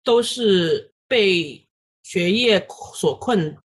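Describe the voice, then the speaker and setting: A woman in her thirties, a guest illustrator on a podcast, recounting her story in an animated way with many fillers and English words dropped in. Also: mid-range voice, very slow, a little hiss or hum. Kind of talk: casual podcast interview.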